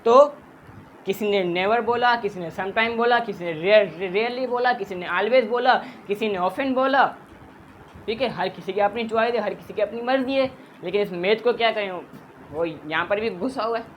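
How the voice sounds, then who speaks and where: A man's voice: sits high, normal speed, dull audio, slight background noise. A man teaching a math lesson, patiently explaining steps, counting aloud and mixing in English terms. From Pakistan.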